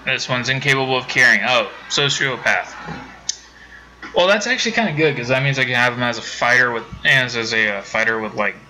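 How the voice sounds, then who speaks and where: A man's voice: mid-range voice, expressive, fairly quick, pushed and bright, low-quality recording. A man streaming a game from home, chatting casually with viewers and rambling with many self-corrections. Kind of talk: casual let's-play commentary.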